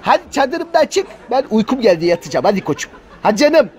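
A man's voice: extremely high pitch, sing-song, fairly quick, a little mellow. A man voicing a chatty male house cat in a comic dubbing of pet videos, joking and grumbling with many exclamations. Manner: colloquial, joking, full of exclamations.

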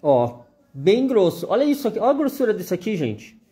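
Brazilian guy showing off sewing machines on a live stream, high voice, keeps saying look here. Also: very animated, a little fast, warm tone. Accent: Brazilian Portuguese. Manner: chatty, repeatedly pointing things out to viewers. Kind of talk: live product demonstration.

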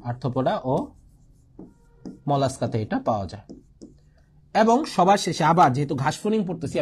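A man's voice: fairly high pitch, slight background noise. A young man with a Bangladeshi accent giving an exam-prep biology lesson, asking questions and answering them himself, repeating key points and coughing often. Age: young adult. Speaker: biology tutor. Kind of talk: online exam-prep lecture.

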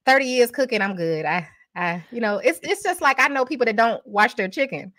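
A woman's voice: a little high, lively intonation, brisk, a bit bright, no room sound, studio quality. Laid-back woman talking cooking. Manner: laid-back, confident, laughs often. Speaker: host, home cook. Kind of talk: casual livestream chat. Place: indoors, home kitchen. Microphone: webcam on video call.

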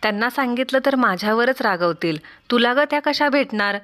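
A woman's voice: a little high, animated, fairly quick, fairly bright tone. A woman voicing a young palace maid who fires off questions and pleads earnestly in a told folk tale. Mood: questioning.

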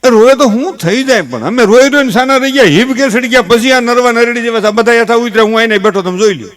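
A man with a Kathiawadi Gujarati accent, a stage comedian mixing folksy, animated stories with earnest advice. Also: very high voice, quick pace. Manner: folksy, animated storytelling with gestures; earnest advising. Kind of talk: humorous stage talk with advice.

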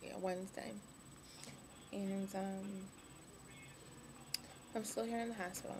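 A young woman speaking casually to camera, tired and weak after surgery, low on energy and hesitant. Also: steady tone, slow pace. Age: young adult. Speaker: vlogger. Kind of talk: casual video diary. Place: hospital room. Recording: clearly noisy webcam recording, room ambience.

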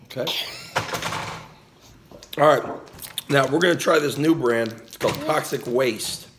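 A man's voice: mid-range voice, unhurried. A man in his thirties chatting casually to camera as a playful father hosting a family challenge, like an announcer. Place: room at home. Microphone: phone or tablet at arm's length. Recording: hissy home phone recording with clicks.

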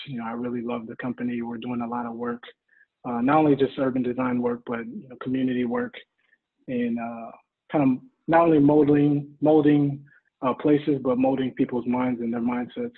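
A young man talks about himself in a soft, husky, flat voice, his words measured and often trailing off. The audio is thin and phone-like, as over a webcam call from a room by a window. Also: medium pitch. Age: young adult. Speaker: panelist. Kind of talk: self-introduction on a video call. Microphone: video call webcam.

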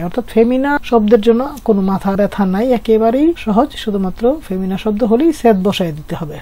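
A woman's voice: mid-range voice, warm tone. A woman from Bangladesh teaching a French grammar lesson, patiently explaining step by step and asking rhetorical questions.

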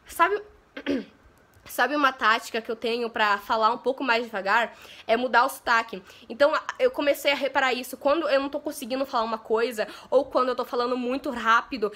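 A Brazilian woman vlogging in her bedroom, chatting to her viewers quickly and excitedly. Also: high-pitched. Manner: fast-talking, chatty and excitable. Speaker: YouTuber. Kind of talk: casual chat to camera.

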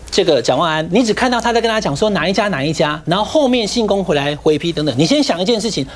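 Taiwanese mandarin guy on a tv panel, lecturing, highish lively voice. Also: a little hiss or hum. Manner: emphatic, lecturing. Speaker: political talk show guest. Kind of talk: political commentary. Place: TV studio.

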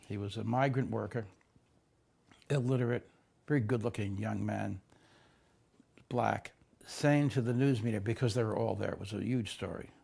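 An older man, a lawyer, telling stories from his career in a documentary interview, measured and reflective. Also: on the low side, gravelly, darkish tone, husky. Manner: measured, reflective, acts out quoted voices. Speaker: interviewee, lawyer recalling cases.

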